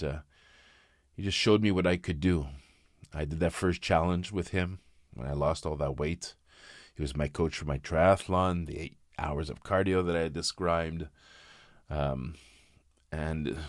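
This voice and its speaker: Brief: fifties man, deep voice, dry close sound, halting confessional vlogger. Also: no room sound. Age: 50s. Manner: halting, reflective, frequent restarts. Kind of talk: candid personal vlog.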